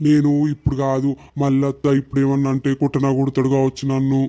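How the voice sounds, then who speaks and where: A woman voicing a fearful, tearful adult village husband in a cartoon, pleading softly in a Telangana accent. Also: extremely low pitch, monotone, quick pace. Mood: timid, pleading. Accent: Telangana Telugu. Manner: pleading, fearful, soft-spoken. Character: timid weepy village husband, adult man. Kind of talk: cartoon voice acting.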